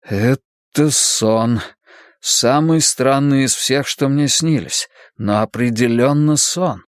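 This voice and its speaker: A man's voice: mid-range voice, takes it slowly, no echo, studio quality, lightly acted. A man voicing a proud, angry young soldier held prisoner, speaking with a growling, indignant, raised voice. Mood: dazed, grim.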